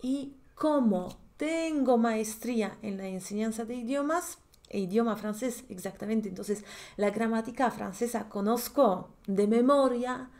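A little high, a little slow and a little mellow, this woman's voice carries a Polish accent; she is in her thirties and teaches grammar online. She is chatty and explanatory, often checking in with a "¿sí?" She works from a desk in an indoor room, heard through a webcam in a corner of a screen share.

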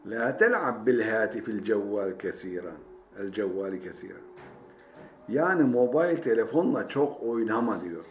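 A man's voice: on the low side, animated, moderate pace. Male teacher, repeats and translates each phrase, echoey room, faint background hum. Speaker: Arabic teacher. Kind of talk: language lesson. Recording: roomy echo, faint ambience.

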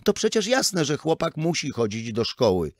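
A man reading an audiobook and voicing a middle-aged wife who placates her family in a hurried, lifted voice. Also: very animated, no echo, studio quality. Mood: placating. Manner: soothing, raised pitch.

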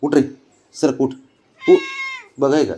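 A man's voice: medium pitch, steady tone, slow, warm tone, slight background noise. A man at home chatting to his cat, coaxing and teasing it in baby talk. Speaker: cat owner filming his pet. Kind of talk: casual talk to a pet.

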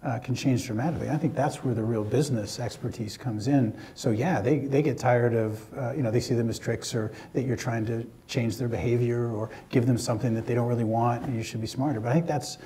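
A man's voice: mid-range voice, fairly even intonation, fairly quick, few pauses, mellow, slight background noise. A man speaking as a panelist in a lecture hall, reflective and correcting himself as he goes. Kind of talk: panel discussion.

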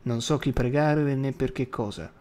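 Man doing a quiet former preacher for an audiobook, soft, slow and subdued. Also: medium pitch, lightly acted. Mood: gentle.

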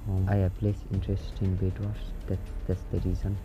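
A man's voice: low voice, completely flat delivery, fairly quick, lo-fi sound. A teenage boy from Nepal answering viewer questions over gameplay, hesitant and searching for words. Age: teens. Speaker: gaming YouTuber. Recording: loud background music.

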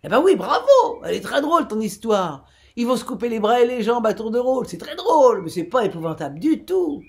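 A woman's voice: animated, moderate pace, gravelly. A woman doing a jeering old sailor. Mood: mocking. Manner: laughing, teasing, high and loud.

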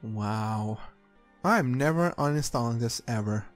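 A man's voice: medium pitch, expressive, unhurried. A man giving casual, sweary playthrough commentary, reacting aloud as he plays a game. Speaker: gamer. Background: game music.

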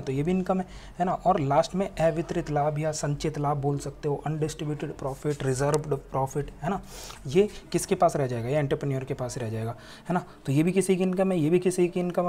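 A man's voice: on the high side, warm tone, slight background noise. A male teacher giving a classroom lecture, explaining patiently step by step, mixing English terms into his explanations and asking rhetorical questions that he answers himself. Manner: asks rhetorical questions and answers them, with frequent tag questions.

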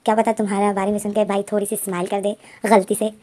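A woman's voice: medium pitch, flat delivery, quick pace, dark tone. A woman casually retelling a fan fiction story in a chatty way, full of fillers and restarts.

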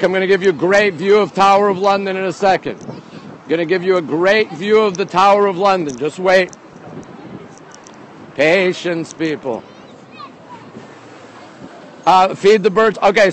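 A livestream host from Montreal, Canada walks his viewers across a riverside city bridge, chatting in quick, excited snatches and saying phrases twice. The rough phone recording picks up wind and ambient outdoor sound, and his voice sits high.

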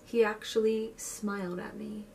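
Woman acting sorrowful young heroine, dramatic monologue, tender, halting, medium pitch, recorded a little far from the mic. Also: steady tone, darkish tone, close to an everyday voice. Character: wistful, sorrowful young woman recalling a neglected girlhood. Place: plain indoor room. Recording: distant mic, faint room noise.

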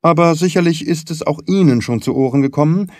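Voicing a self-assured, analytical detective in an audiobook, a man pitches his natural voice a little above his own register, speaking fairly quickly with a darkish tone. The character is precise, probing, didactic and courteous, and the studio-quality recording has no echo.

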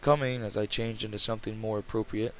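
A man with a fairly low voice and fairly even intonation reads aloud fast and casually over background noise. He's a let's player reading a visual novel's text, dropping in offhand asides, with game ambience clearly audible behind him.

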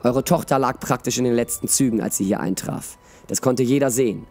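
A man's voice: mid-range voice, fairly quick, lightly acted. A man voicing a fiercely protective young woman in a read-aloud storybook, speaking sharply and firmly. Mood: stern. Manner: sharp, firm.

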